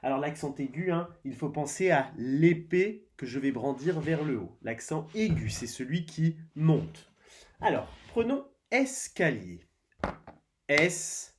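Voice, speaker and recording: Slow, lively-voiced male schoolteacher. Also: on the high side, slight background noise. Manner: slow, deliberate, spells out sounds and syllables. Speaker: primary school teacher. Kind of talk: spelling lesson for young children.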